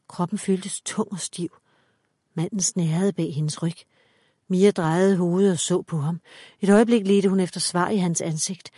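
A woman with a fairly low, dark and mellow voice narrates a dark story aloud. Her reading is measured and dramatic, and the sound is dry and close. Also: no echo. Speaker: audiobook narrator. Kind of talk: scripted audiobook narration.

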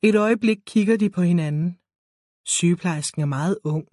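A woman reading a story aloud in a calm, even narrating voice. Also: on the low side, dry recording, studio quality. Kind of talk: scripted narration.

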